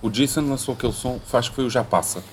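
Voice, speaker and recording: A man's voice: medium pitch, fast, very noisy. A young man, bantering casually with a friend in insistent slang, swearing freely. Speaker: rapper.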